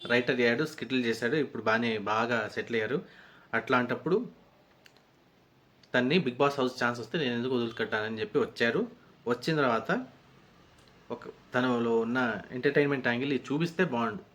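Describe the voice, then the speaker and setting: Male reviewer, mid-pitched voice, loose chatty recap style, lots of restarts. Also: fairly quick, pauses often, fairly bright tone. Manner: rambling, conversational retelling with frequent restarts. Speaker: reality show reviewer. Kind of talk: casual episode recap.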